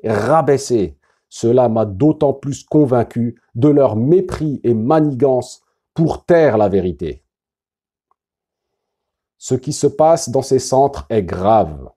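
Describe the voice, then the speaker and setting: A man reading out an anonymous testimony in a solemn, deliberate manner. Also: mid-range voice, warm tone. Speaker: former member giving testimony.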